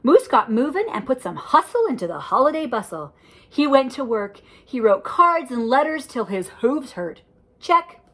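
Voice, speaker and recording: Speaking at normal speed in a high voice, an elderly woman reads a rhyming picture book to young children with cheerful, sing-song flair and friendly comments about the pictures.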